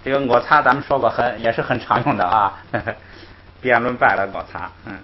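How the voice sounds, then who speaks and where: A man's voice: mid-range voice, a little fast. Patient male teacher, lilt. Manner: patient, repetitive, punctuates with "hey" and soft chuckles. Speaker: Tibetan grammar teacher. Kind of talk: explanatory classroom lecture. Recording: dull lo-fi recording with faint noise.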